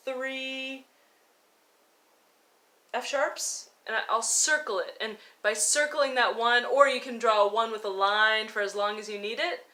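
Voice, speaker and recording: A woman with a highish, sharp-toned voice runs an instructional violin lesson, demonstrating and explaining fingerings as she counts them out. She coaches in an informal, encouraging way.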